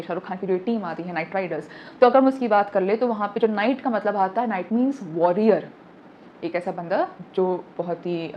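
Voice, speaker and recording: Woman teaching vocabulary, spelling words out. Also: medium pitch. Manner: explains slowly, spells words letter by letter, mixes English terms into speech. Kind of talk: online classroom lesson. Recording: slightly dull lo-fi audio with faint background noise.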